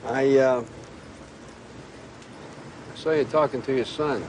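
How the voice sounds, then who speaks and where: A man's voice: mid-range voice, fairly even intonation, slow, natural voice. An actor playing an easygoing private investigator, a man with a dry, teasing way of talking. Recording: outdoor city noise behind.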